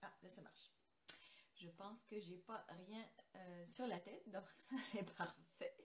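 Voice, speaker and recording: Speaking into a computer camera microphone, a Frenchwoman leads a relaxed live crafting session from her studio at home, saying hello to viewers by name as she chats. Her voice is mid-range and steady, slow-paced, with a bit of background noise.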